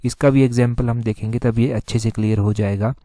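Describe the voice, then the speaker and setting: A man's voice: mid-range voice, steady tone, quick pace, mellow, no room sound. A man teaching a recorded exam-prep lesson, explaining step by step and repeating answers with lots of filler phrases.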